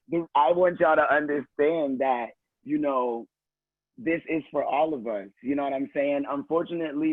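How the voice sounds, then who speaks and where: A man's voice: mid-range voice, dry recording. A man speaking on a video call as communications director, nervous and giggly but earnest. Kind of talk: casual online panel talk. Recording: tinny phone-like audio.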